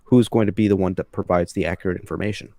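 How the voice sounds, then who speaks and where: A man argues his point step by step in a measured, lecturing tone and keeps putting rhetorical questions to the listener. His voice is low, and it sounds close and dry, with no room around it. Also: fairly even intonation, mellow, dry recording. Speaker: guest debater. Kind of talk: argumentative discussion.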